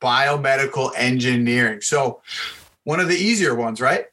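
A man's voice: mid-range voice, bright, forceful tone. A man hosting a casual podcast interview as a college basketball coach, upbeat and encouraging with a guest. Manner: upbeat, encouraging, quick to laugh. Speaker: host, head basketball coach.

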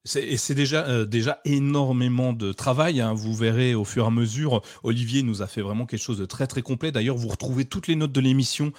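A man running a live tech podcast, chatting easily, picking up viewer questions and handing the floor to his guest. His fillers come often. His voice is mid-pitched. The sound is dry and close, with no room echo. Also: a little fast, hardly any pauses, a little mellow. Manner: chatty, reads chat questions, frequent fillers. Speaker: podcast host. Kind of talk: casual live podcast hosting.

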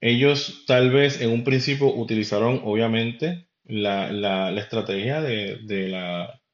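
A podcast host from Puerto Rico, speaking with a Puerto Rican Spanish accent, gives his opinions in a rambling, conversational way straight to the listener. His male voice is lowish with a measured pace, heard on a roomy, dull lo-fi recording.

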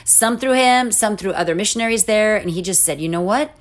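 A middle-aged woman telling a personal story in a casual interview, animated, with restarts and laughing asides. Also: medium pitch, brisk. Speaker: interview guest.

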